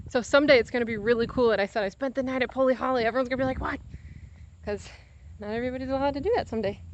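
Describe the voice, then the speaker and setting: A young adult woman vlogs to a camera in a casual, confessional way, her mid-range voice heard through dull audio. She retells conversations animatedly, acting out the quoted exchanges.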